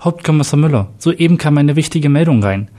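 A man voicing a flustered young female police secretary in a read-aloud crime story, with an urgent, rushed delivery. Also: a little high, expressive, mellow, voice pushed up, close to an everyday voice.

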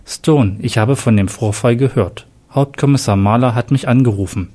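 A man's voice: mid-range voice, normal speed, mellow, close to an everyday voice. A man voicing a stern middle-aged male police chief in a read-aloud crime story, giving clipped, commanding orders.

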